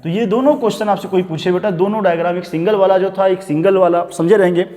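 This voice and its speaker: A man with a high voice teaches biology for exam prep, speaking Hinglish. He keeps calling his students "beta" and tells them to pay attention. He reads textbook lines out slowly, then explains them at speed, and a long reverb hangs on his voice. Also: steady tone, dark tone. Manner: addresses students as beta, repeats "dhyan denge".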